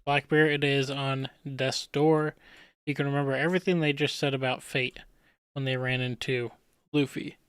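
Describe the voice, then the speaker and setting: Male streamer, casual rambling commentary, smooth voice, dry close mic. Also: medium pitch, normal speed, no room sound. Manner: relaxed, rambling, chuckles at himself. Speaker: streamer analyzing manga panels.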